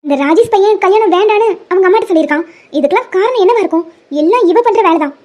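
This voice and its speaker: A woman voicing a strict middle-aged mother in a Tamil cartoon, sharp and scolding. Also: very high-pitched, very fast, lo-fi sound.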